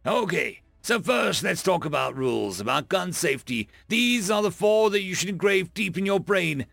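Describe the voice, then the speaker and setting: A man voicing a brisk male military weapons instructor with a barking, commanding manner in a sci-fi audiobook. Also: high-pitched, big pitch swings, gravelly, fairly bright tone, no echo, faint music behind, pitched above the performer's own voice, exaggerated voice.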